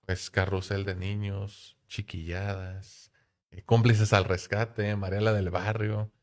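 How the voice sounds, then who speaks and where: A man's voice: lowish voice, little pitch movement, slow. A man hosting a casual podcast chat in a playful, chatty way. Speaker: podcast host.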